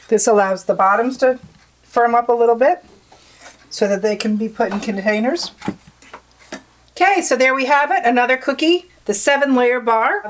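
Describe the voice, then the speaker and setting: A woman with a slightly high voice talks through a recipe in her home kitchen, relaxed and homey as she goes step by step. Dishes and pans clink softly behind her, over a faint hiss of background noise. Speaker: home cooking show host. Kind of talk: casual cooking demonstration.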